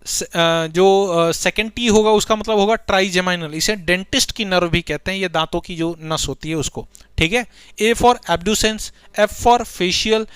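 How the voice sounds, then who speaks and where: A man's voice: high-pitched, clear, resonant tone, no echo. A man teaching a biology exam-prep lecture, chatty, asking students questions and answering them himself. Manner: chatty, asks students questions then answers them, uses memory tricks.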